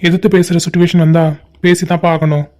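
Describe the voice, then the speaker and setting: A man plays a young cartoon son who stands up to his father, firm and defiant. The voice sits fairly high and sounds mellow. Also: flat delivery, fast, close to an everyday voice. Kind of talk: cartoon family drama voicing.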